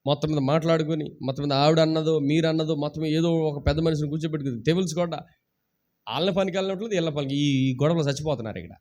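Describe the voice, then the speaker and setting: A man with a notably high voice preaches a sermon to his congregation. He keeps throwing rhetorical questions at the listeners and urges them to shout hallelujah. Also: rapid-fire. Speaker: pastor. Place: church service streamed live.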